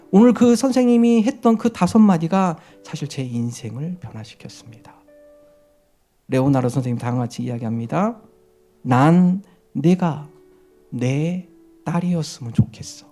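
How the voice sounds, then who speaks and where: A male pastor preaching a sermon in a church, telling a story with acted quotes and turning to prayer, his voice swinging from hushed to loud. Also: sits high. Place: church sanctuary.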